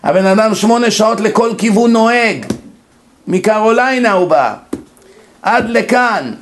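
Animated, higher-voiced man giving a sermon. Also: slight background noise. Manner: animated, lecturing, scolds the audience with humor. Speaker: rabbi giving a Torah class. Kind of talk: sermon-style lesson with storytelling. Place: class in Brooklyn.

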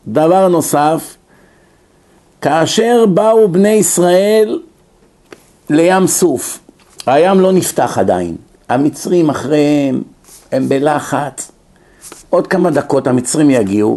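A man giving a religious lecture, telling stories and acting out the dialogue with lively, questioning delivery. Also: fairly high pitch. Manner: animated storytelling, acting out dialogue. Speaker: rabbi lecturer.

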